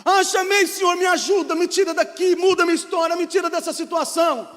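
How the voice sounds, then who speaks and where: A man voicing a desperate male mountain climber hanging from a rope, shouting and pleading, in a reverberant church hall. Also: very high-pitched, steady tone, fairly quick, voice pushed up. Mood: anxious.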